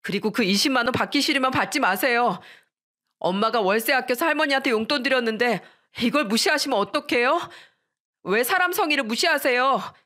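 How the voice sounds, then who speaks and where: A woman's voice: fairly high pitch, animated, brisk, bright, forceful tone, pitched above the performer's own voice. A woman voicing an earnest young boy who talks back to his grandmother, in a storybook reading. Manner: pleading, talking back.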